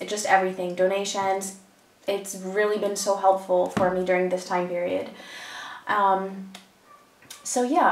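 Seated at an indoor table, a woman with a stuffy cold gives a casual tarot reading to camera, rambling, chatty and full of ums. Her medium-pitched voice is captured from a distance in an echoey room, with slight background noise.

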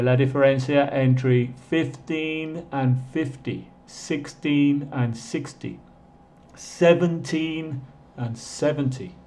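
Slow-talking man teaching English numbers. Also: fairly high pitch. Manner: drawn-out, exaggerated pronunciation of number words; reads out and answers questions from the live chat. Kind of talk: live-streamed online lesson.

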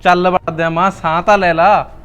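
An actor playing a level-headed young adult son who questions his mother and tries to calm her. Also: sits high, moderate pace. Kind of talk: Punjabi short film acting.

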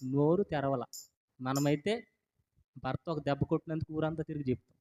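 A male pastor with an Andhra Telugu accent preaches in a slightly high voice. He keeps asking the congregation questions and pushes his lines toward fervent declarations. His voice rings through a church hall with a long reverb tail. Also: fairly even intonation, normal speed, highs cut off, slight background noise. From Andhra Pradesh, India. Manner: questions the congregation and prompts answers; rising to fervent shouted declarations. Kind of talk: sermon.

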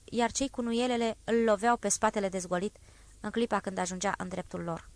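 A woman narrating a classic story in a calm, even literary reading. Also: on the high side, no room sound. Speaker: audiobook narrator. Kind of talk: scripted narration.

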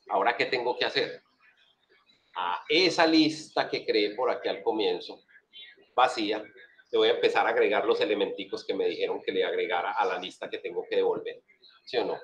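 A man with a Colombian accent giving a casual, chatty programming lesson, walking through his code with plenty of slang and repeated check-in questions to his students. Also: fairly low pitch. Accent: Colombian Spanish. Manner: chatty, slangy, asks "right?" often. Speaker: programming instructor. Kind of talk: casual screen-share coding lesson.

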